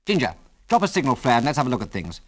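Brisk, commanding pilot, as a man reads him. His lines come clipped and decisive, and they sit a little higher than the plain narration, with a lively rise and fall. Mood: scornful. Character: brisk, confident male pilot and leader. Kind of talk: audiobook character voice.

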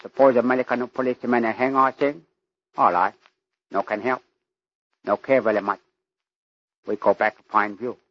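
A man's voice: mid-range voice, steady tone, no room sound, lightly acted. Man playing a very old, humble Chinese servant. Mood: resigned. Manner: broken pidgin English, halting and deferential. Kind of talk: old radio drama acting. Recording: dull lo-fi old radio recording.

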